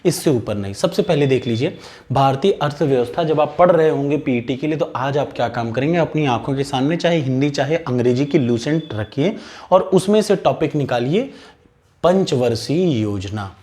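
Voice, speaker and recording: A man's voice: medium pitch, animated, a little fast, darkish tone. A man teaching an exam-prep lesson, giving direct instructions and repeating key points for emphasis.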